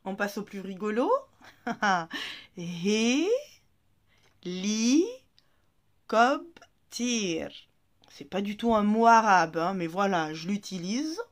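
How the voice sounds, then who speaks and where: A woman's voice: medium pitch, normal speed. A woman teaching an Arabic reading lesson to French-speaking learners, patient and encouraging, stretching out syllables for the learners to repeat.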